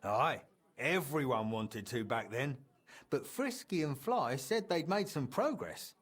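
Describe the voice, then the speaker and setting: This man's medium-pitched voice is animated, slow and slightly breathy. He is acting video game dialogue as a roguish, good-humored aging tradesman who reminisces about his wild younger days, teasing and colloquial throughout.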